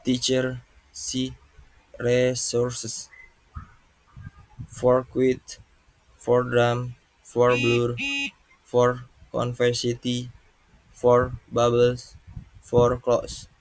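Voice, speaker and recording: A man reads an English grammar lesson as a student presenter. He goes very slowly and halts word by word. His voice stays almost completely flat, and the sound is dry and close. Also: mid-range voice, no echo, low-quality recording. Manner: halting, word-by-word delivery.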